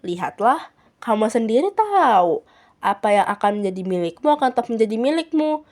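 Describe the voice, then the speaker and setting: A woman's voice: a little high, big pitch swings, brisk, darkish tone. A woman voicing a cheeky, playful young thief with a mocking, sing-song way of talking, in a storybook reading. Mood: smug.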